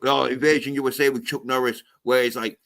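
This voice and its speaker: A man with a mid-pitched voice rambles through casual chat. He swears often and leans hard on his words. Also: flat delivery, a little fast, a bit bright.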